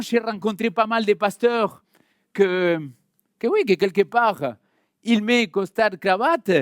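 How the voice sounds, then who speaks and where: In a church hall, an Argentine pastor speaks to his congregation as he preaches, keeping things warm and conversational. He has a high voice and a light Argentine Spanish accent. The recording is dry and studio-clean.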